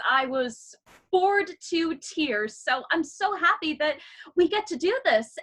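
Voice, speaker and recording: A woman playing Elsa, a bright high ice queen. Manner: breathless, gushing and royal-polite. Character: gracious young ice queen, warm and excitable. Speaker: character performer. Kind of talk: character visit over video call. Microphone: video call.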